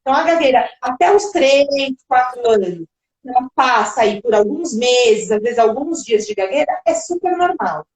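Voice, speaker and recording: A woman's voice: fairly high pitch, lively intonation, normal speed, darkish tone, reverberant, rough recording. A woman speech therapist giving explanatory answers in a live video-call interview, now and then acting out parents and children.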